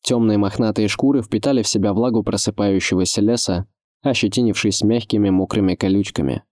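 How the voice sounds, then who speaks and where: A man giving measured, scripted audiobook narration. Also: on the low side, steady tone, a little mellow, dry recording, clean studio sound.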